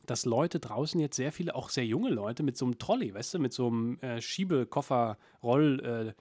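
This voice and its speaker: A man's voice: medium pitch, expressive, normal speed, darkish tone. A man co-hosting a podcast in casual chat, joking and ironic, often restarting his sentences. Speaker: podcast co-host.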